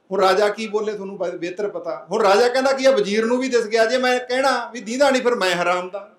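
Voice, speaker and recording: High-voiced man addressing a crowd. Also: fairly bright tone, roomy sound. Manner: asks the crowd rhetorical questions; earnest, plain-spoken exhorting. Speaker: speaker at a public anti-drug meeting. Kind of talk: public speech with a folk parable.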